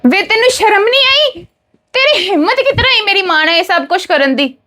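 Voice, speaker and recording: A woman's voice: very high-pitched, lively intonation, a little fast, bright, forceful tone, heavily acted. A woman playing a fierce, scolding Punjabi daughter. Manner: scolding, emphatic. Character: angry devoted daughter defending her mother. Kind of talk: Punjabi family drama acting.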